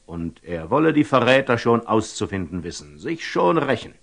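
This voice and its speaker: An actor playing a wise, calm merchant and eloquent storyteller in a classical radio drama, speaking with rhetorical, deliberate emphasis. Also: male voice, medium pitch, gravelly. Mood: reasoning, insistent. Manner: rhetorical, deliberate, with emphatic rises and hushed drops.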